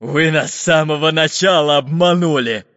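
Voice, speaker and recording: A man voicing a fat, gruff male pirate captain who barks his orders slowly. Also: sits high, expressive, fairly bright tone, pitched above the performer's own voice, full character voice. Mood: angry. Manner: barking, drawn-out. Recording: dull lo-fi with long reverb.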